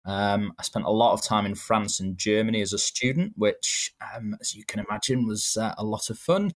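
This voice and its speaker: A man in his thirties with a Manchester accent, answering interview questions in a measured, explanatory way with frequent ums. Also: lowish voice. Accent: Manchester English. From England. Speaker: guest.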